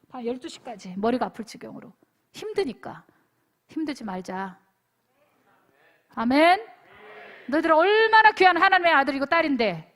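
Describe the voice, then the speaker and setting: High, lively woman preaching to teens. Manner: animated, calls for amens; storytelling, acts out dialogue. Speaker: pastor. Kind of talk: youth retreat sermon.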